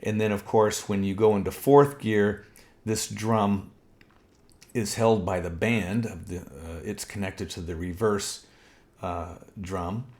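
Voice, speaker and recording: A man's voice: lowish voice, fairly even intonation, slow pace, darkish tone. A middle-aged man explaining a technical topic step by step as an instructor, methodical, with frequent fillers. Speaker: transmission instructor. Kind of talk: technical walkthrough lesson.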